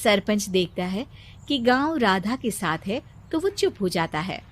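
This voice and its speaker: A woman's voice: mid-range voice, sing-song, unhurried. A woman reading scripted story narration for a cartoon.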